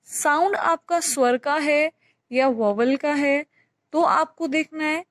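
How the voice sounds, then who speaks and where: Patient high-voiced woman teacher. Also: dry recording. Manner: patient, repeats key points with examples. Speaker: English teacher. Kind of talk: explaining a grammar lesson.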